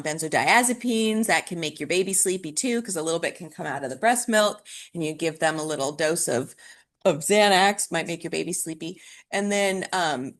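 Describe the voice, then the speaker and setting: Woman instructor, somewhat low voice, chatty lecture delivery, lots of "um" and restarts. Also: a bit bright. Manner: conversational, with frequent fillers and restarts. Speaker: dental hygiene instructor. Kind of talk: recorded classroom lecture.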